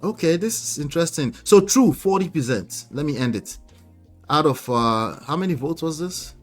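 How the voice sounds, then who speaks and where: A man hosts a live stream and reacts to clips. He talks in an animated way, fires off rhetorical questions and laughs often, and a faint bed of music plays underneath. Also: on the high side, normal speed. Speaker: host.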